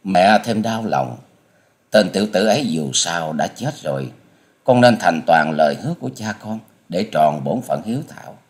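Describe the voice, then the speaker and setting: A man's voice: sits low, big pitch swings, normal speed. A man voicing a sighing sorrowful mother. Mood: tender. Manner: sighing, pleading and stern. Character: middle-aged female sect master, sorrowful mother.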